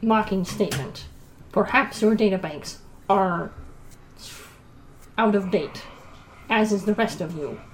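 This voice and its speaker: A woman's voice: mid-range voice, animated, slow, pauses often, slight background noise, low-quality recording. Woman playing an arrogant, mocking combat droid. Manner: boastful, announces each sentence type before speaking. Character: sleek new male combat droid, arrogant, mocking villain. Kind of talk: tabletop role-play.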